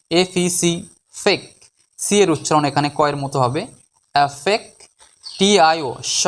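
Patient man teaching word by word. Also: on the high side. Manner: patient, spells words out letter by letter. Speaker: English pronunciation teacher. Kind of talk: slow syllable-by-syllable pronunciation lesson.

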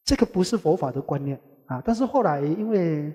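A man giving a rambling Buddhist scripture lecture, opening many phrases with a drawn-out "ah" and chanting bits of mantras as he goes. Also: lively intonation, mellow. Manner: chants mantras in passing, rising in pitch when making a point. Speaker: Buddhist teacher. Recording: long hall reverb.

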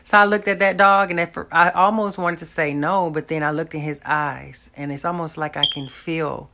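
A woman's voice: low-pitched, fairly even intonation, normal speed, pushed and bright. A woman, earnestly telling a personal testimony straight to the camera from a small room at home. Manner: earnest, talks straight to viewers, faith-filled. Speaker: vlogger.

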